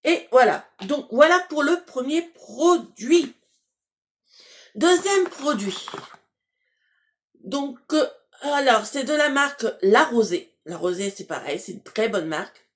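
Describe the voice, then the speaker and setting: A woman's voice: high voice, animated, takes it slowly, pauses often. A woman casually chatting to her viewers while unboxing beauty products, hesitant, with many fillers and restarts, laughing at herself. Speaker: beauty box unboxing vlogger.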